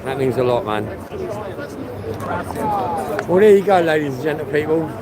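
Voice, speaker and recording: A man's voice: a little high, expressive, normal speed. A man streaming live outdoors, chatting casually with viewers, swearing often and greeting them by name. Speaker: livestreamer. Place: outdoors on a busy city street. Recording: loud crowd noise from the street.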